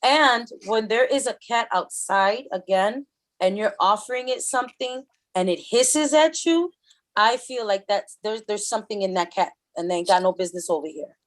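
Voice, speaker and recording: A woman's voice: medium pitch, moderate pace. A woman co-hosting a casual spiritual talk show, emphatic and given to repeating her points. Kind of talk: casual chat, live reading session.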